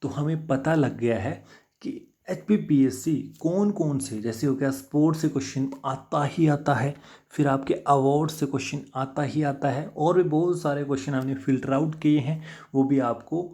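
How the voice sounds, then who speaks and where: A man's voice: a little high, normal speed, darkish tone. A man working through exam questions as a teacher in an unscripted lesson, chatty, repeating key answers and addressing viewers directly.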